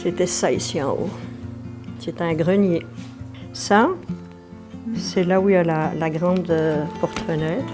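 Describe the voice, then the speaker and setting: An older woman from Belgium, telling her immigration story in a documentary with lively, repetitive emphasis. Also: on the low side, a little slow, pauses often, music in the background. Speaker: interviewee. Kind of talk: documentary testimony.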